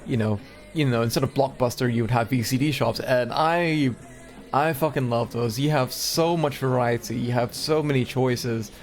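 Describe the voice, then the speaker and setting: A man's voice: mid-range voice, moderate pace, soft background music. Casual male streamer reading aloud. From Singapore. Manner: casual, chatty asides between readings.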